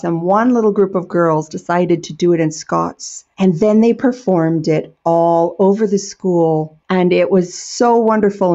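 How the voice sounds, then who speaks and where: A woman's voice: medium pitch, warm tone, lo-fi sound. A middle-aged American woman, an educator and storyteller, answering interview questions in an earnest, enthusiastic way.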